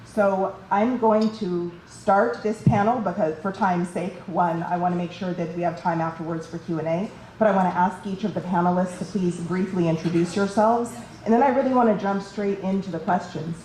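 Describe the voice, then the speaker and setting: A woman moderating a panel, speaking in a brisk, practical way with a few ums. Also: lowish voice, fairly even intonation, dark tone, slight background noise. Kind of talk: introducing a panel. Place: large conference room. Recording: echoey event room, faint ambience.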